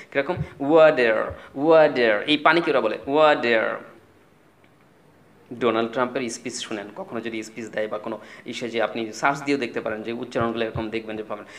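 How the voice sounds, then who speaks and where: Give me a male teacher who explains slowly and repeats each example. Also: mid-range voice, fairly bright tone. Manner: explains patiently, repeats words and spellings, mixes English phrases into his talk. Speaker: English teacher. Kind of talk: spoken English tutorial.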